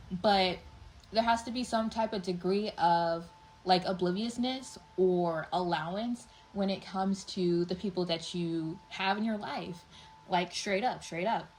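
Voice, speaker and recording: A young woman reads tarot in a loose, chatty way, full of "like" and "um," and she gets emphatic and passionate when she presses a point. Her voice sits a bit low for a woman. A faint hiss runs under the recording. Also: poor audio. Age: young adult. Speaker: tarot reader. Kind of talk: casual monthly tarot reading.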